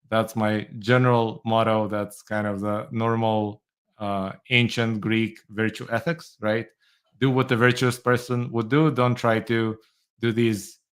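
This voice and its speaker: A middle-aged tech entrepreneur from Moldova who grew up in Israel is a guest in an interview, answering thoughtfully with light laughs. His voice is medium-pitched and a bit bright.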